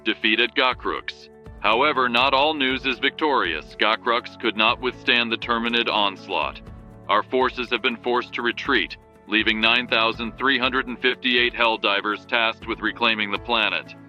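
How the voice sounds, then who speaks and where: A very bright, hard-edged male voice over prominent music as a man acts out a wartime news anchor. He delivers a scripted radio bulletin with grave urgency, rousing the troops like a herald of war. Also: mid-range voice, moderate pace, muffled recording. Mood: grave, urgent. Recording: music behind the voice.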